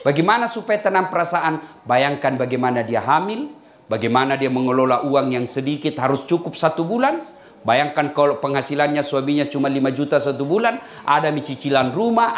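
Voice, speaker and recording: A male Islamic preacher with a Makassar Indonesian accent, giving a humorous sermon in an animated, jokey way and often laughing as he talks. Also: on the high side, reverberant.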